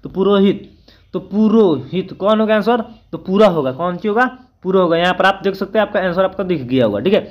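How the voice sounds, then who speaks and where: A man's voice: high-pitched, quick pace, dull audio. A man teaching a casual exam-prep lesson, chatty, thinking aloud and correcting himself as he goes. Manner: chatty, keeps adding "ठीक है" after points.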